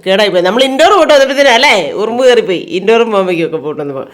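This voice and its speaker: This middle-aged home vlogger from Kerala speaks with an Idukki Malayalam accent, her voice on the high side and her intonation lively. She talks very fast, casually chatting to viewers while doing chores around her home and yard, tagging sentences with "you know."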